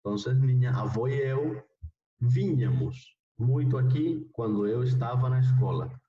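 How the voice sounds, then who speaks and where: A man's voice: mid-range voice, measured pace, roomy sound, far from the mic, highs cut off. A man teaching an online Portuguese class, patiently repeating phrases and checking with his students as he goes.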